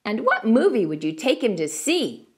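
A middle-aged woman reading aloud to young children in an expressive storytime voice, as a children's host. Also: a little high, normal speed, slightly rough, no room sound, studio quality.

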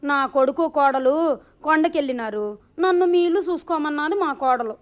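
ఒక నటి చేసిన గట్టిగా పిలిచే పల్లెటూరి పనిమనిషి. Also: female voice, high voice, highs cut off, lightly acted. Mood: chatty. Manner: loud, rustic, drawn-out calls. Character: older village housemaid, chatty and deferential. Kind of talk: radio play acting.

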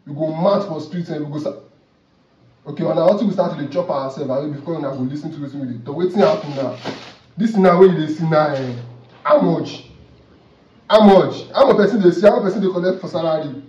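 A young Nigerian man rants in Pidgin-accented English, his voice pitched high as he fires repeated questions. He stands back from the camera in an indoor room that sounds roomy. The audio is dull and lo-fi. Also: far from the mic. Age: young adult. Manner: animated, gesturing, ranting, repeating questions. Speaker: comedy vlogger. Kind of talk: comic rant to camera. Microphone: far camera.

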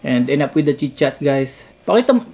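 A woman's voice: low voice, very animated, brisk, vocal fry, mellow. A woman with a Filipino accent hosting a casual food vlog, mixing English and Tagalog and talking to viewers as guys. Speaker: vlogger host. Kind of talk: casual mukbang vlog chat.

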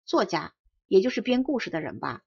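Rude greedy boar, blunt talker read by a woman, storybook, flat dull audio. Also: mid-range voice, fairly quick, creaky, breathy edge, full character voice. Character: rude greedy male wild boar, smoking. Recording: dry dull close recording.

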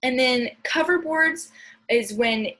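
This young adult American woman, a speech and debate coach, has a high, bright voice with a forceful tone and a slow delivery. She teaches casually over slides, hesitant and full of trailing asides, on a video call's computer mic from a small room at home.

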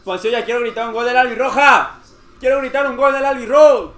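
A young man reacting live to a football match, cheering and shouting at every play. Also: very high-pitched, a little fast.

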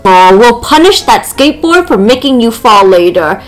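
A woman's voice: fairly high pitch, sing-song, normal speed, soft background music, voice pushed down, rough recording. A woman voicing a doting father who coaxes and spoils his little daughter in a family skit. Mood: coaxing. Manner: soft, coaxing and indulgent. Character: doting dad, a grown man indulging his little girl.

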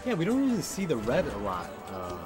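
A young man co-commentating a video game match in a relaxed, dryly teasing way. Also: mid-range voice, fairly quick. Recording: music playing behind.

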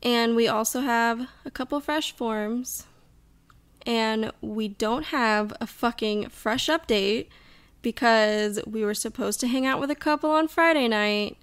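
A woman's voice: fairly high pitch, measured pace, smooth. A woman co-hosting a casual podcast from her couch at home, chatting and venting. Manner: chatty, exasperated venting with laughter. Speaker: podcast co-host. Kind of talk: casual chat. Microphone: home podcast mic.

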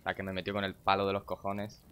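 A young man commentates his game at a home computer, rattling off casual, profane asides and greetings to chat. His voice sits on the low side. Faint background noise and keyboard clicks come through the mic. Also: monotone, fast talker, fairly bright tone. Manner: chatty and profane, muttering to himself and greeting chat viewers. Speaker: gaming streamer. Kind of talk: casual live-stream commentary.

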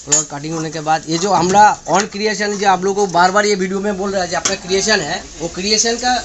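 A man in his thirties giving an eager sales-pitch tour of a garment workshop, recorded on a handheld phone camera. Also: quick pace, noisy background. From India. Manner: eager sales pitch, repeats phrases, points things out. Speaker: factory guide showing kids' wear. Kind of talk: walking tour presentation. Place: indoor garment workshop and showroom.

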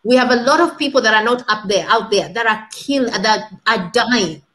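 Appearing as a panel guest on a video call from a small room indoors, via laptop webcam, a woman in her thirties gives impassioned commentary at a moderate pace. Her voice is on the high side and fairly bright, and she repeats points for emphasis and poses rhetorical questions.

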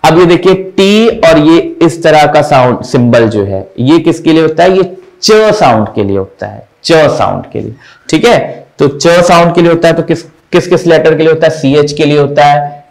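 Man drilling pronunciation, fairly high voice. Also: lively intonation, gravelly, darkish tone, poor audio. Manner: repeats words slowly, drilling each sound. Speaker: teacher. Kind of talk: teaching English pronunciation in Hindi.

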